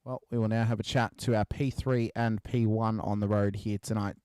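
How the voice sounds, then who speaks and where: A man's voice: fairly low pitch, level tone, moderate pace, warm tone, smooth, no echo, clean studio sound. Matey Australian man hosting post-race interviews. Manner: matey and chatty, lavish with congratulations.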